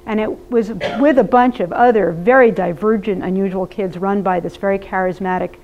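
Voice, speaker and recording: A woman therapist giving a lively, conversational workshop talk to an audience and asking them questions. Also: mid-range voice, normal speed. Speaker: therapist presenter. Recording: muffled lo-fi recording.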